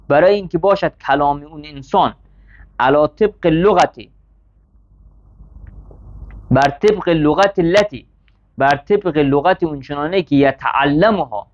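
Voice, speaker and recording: A man teaching a classroom lesson, reading Arabic text line by line, explaining it and checking with his students. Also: on the high side. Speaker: seminary teacher. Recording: dull lo-fi sound.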